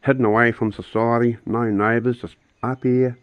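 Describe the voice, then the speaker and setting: A man's voice: medium pitch, level tone, moderate pace, no room sound, highs cut off. An older man, chatting blunt and rambling to camera outdoors on his rural property. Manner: rambling, blunt, with many restarts. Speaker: vlogger. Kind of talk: casual chat to camera.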